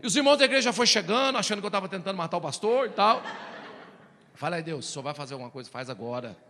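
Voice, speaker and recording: A man from Brazil preaching a sermon as pastor, telling a personal story in a lively, animated way and often calling his listeners brothers. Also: high-pitched, very fast, creaky, in a large hall. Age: has children.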